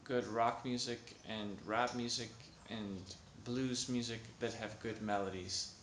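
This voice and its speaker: A man speaks slowly and carefully, picking simple words and filling gaps with ums. His mid-range voice rings in a roomy, echoing space. A faint hiss sits under the recording. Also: medium pitch, steady tone, a bit bright. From Canada. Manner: slow, careful and hesitant, with many ums. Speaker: singer answering questions. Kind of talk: slow, simple interview answers. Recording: echoey room with faint noise.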